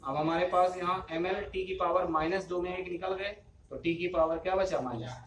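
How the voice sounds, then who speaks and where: High-voiced man teaching physics. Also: steady tone, moderate pace, slight background noise. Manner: asks students questions and answers them himself; addresses students fondly as children. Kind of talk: classroom lecture. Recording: echoey room.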